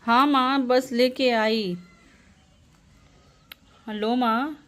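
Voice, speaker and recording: A woman's voice: on the high side, steady tone, drawn-out words. A woman voicing a mistreated young daughter who answers meekly and pleads through tears. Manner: meek, pleading, sobbing. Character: mistreated teenage daughter, meek and tearful.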